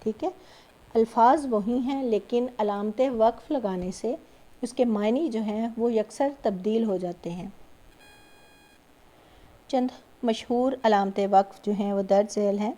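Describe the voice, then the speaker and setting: Woman teacher, mellow tone, patient explainer, repeats points for students. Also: on the high side. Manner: patient, repeats key points, frequent check-ins. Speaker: school teacher. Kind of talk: recorded classroom lecture.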